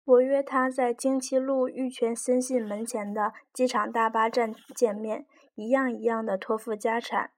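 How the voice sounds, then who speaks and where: Woman reading an audiobook, slightly high voice. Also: steady tone, normal speed, few pauses, a little mellow. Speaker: audiobook reader. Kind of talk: scripted audiobook narration.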